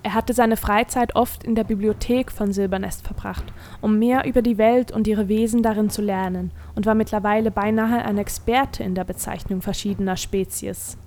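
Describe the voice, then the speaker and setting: A woman reading a fantasy story aloud as narrator, in a measured, expressive storytelling manner. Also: medium pitch, faint music behind. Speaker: audiobook narrator. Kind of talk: scripted narration.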